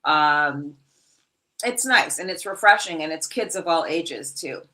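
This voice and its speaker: Middle-aged woman guest, brash and candid, a bright, forceful voice sitting a little low. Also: expressive, unhurried, poor audio. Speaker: guest wrestler. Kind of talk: casual podcast chat.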